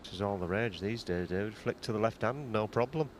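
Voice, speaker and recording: A man giving hushed live snooker commentary in an understated, conversational and analytical way. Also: lowish voice, a little fast, noisy background.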